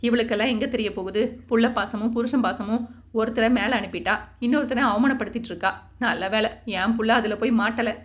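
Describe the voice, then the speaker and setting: A woman voicing a spiteful, sharp-tongued middle-aged aunt who taunts in quick bursts. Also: a little high, natural voice. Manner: taunting, rapid.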